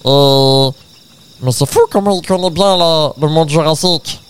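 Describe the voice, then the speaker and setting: A man's voice: on the high side, unhurried, smooth. A man improvising an adventure story in dialogue, playful and hesitant, repeating words as he goes.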